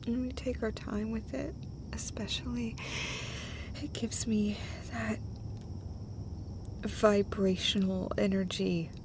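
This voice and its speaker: A woman acts one side of an intimate comfort roleplay as an affectionate girlfriend, speaking tenderly and emotionally. Her halting delivery often drops toward a breathy whisper, in a steady, medium-pitched voice with background noise present.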